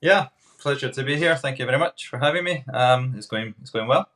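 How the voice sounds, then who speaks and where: A Scottish man from Glasgow in his thirties, a guest chatting casually in an interview, relaxed with hesitant pauses. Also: mid-range voice. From Scotland, Glasgow. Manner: relaxed, unhurried, frequent hesitant fillers. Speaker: podcast guest, tour guide.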